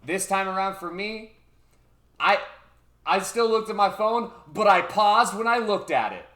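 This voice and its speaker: Profane, animated young man in echoey room. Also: high-pitched, unhurried. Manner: loose, profane, acts out characters' lines. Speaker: podcast host. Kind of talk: casual chat, animated retelling.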